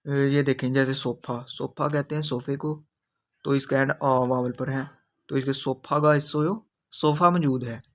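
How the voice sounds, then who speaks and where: A man's voice: medium pitch, fairly even intonation, moderate pace, fairly bright tone. A man teaching grammar in a video lesson, patiently repeating each example sentence. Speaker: language teacher.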